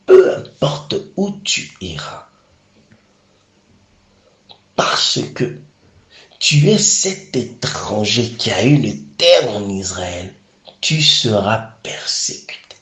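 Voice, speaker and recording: A man's voice: on the low side, very animated, slow, a bit bright. A man preaching a sermon, emphatic and repeatedly calling his listeners beloved. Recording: echoey room.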